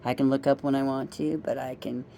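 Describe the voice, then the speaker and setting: A woman's voice: extremely low pitch, level tone, fairly quick, vocal fry, mellow, slight background noise. A middle-aged woman hosting a rambling solo monologue, chatty and playful, joking at her own expense and talking straight to her listeners. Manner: chatty, playful, self-mocking, talks to the listeners directly. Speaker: podcast host.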